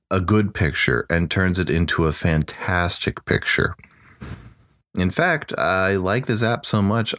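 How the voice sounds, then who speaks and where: A man with a low, deep voice hosts a solo podcast. His delivery is lively and swings widely in pitch. He talks in an upbeat, conversational way with the odd joke. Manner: upbeat, conversational, lightly joking. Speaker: podcast host.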